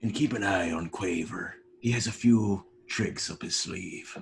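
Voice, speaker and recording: Low-key male player, deep gravelly voice, faint noise. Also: a little slow. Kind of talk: casual tabletop play.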